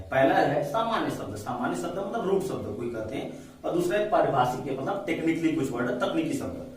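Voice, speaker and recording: A man with a fairly high voice gives a grammar lesson for exam students. He goes through the rules slowly, repeats each one, and backs it up with simple examples. He is recorded from some distance in a very echoey room. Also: slight background noise. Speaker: teacher.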